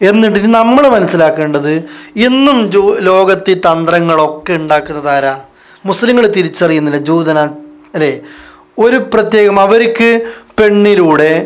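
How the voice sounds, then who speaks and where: High-voiced preacher. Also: male voice. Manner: asks rhetorical questions and answers them himself. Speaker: Islamic preacher. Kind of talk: religious lecture.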